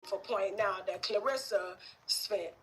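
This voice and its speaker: A woman from the Southern US hosting a casual gossip livestream, sassy and animated, with laughing asides. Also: mid-range voice, a little slow, over music, rough recording. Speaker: gossip show host.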